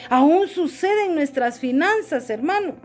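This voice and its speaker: A woman's voice: sits high, lively intonation, measured pace, soft background music. A middle-aged woman pastor preaching a sermon, calling listeners "brother" and asking rhetorical questions.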